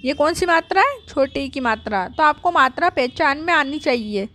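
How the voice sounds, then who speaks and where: A woman teaching young children at a board. She asks questions and answers them herself, and she draws out each letter sound slowly. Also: high voice, animated, sharp tone, faint music behind. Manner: slow, drawn-out sounding of letters.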